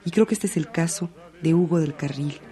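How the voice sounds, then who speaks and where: A woman's voice: sits low, fairly quick, mellow, faint music behind. A woman hosting a radio program, presenting in an articulate, slightly formal way. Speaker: radio host.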